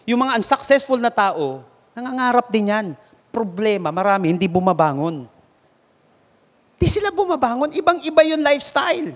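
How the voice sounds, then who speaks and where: A Filipino man delivers a sermon in a high, light voice. He moves between Tagalog and English and acts out the voices of the people in his story. His words ring on in a hall with long reverb. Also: a bit bright. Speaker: bishop and preacher.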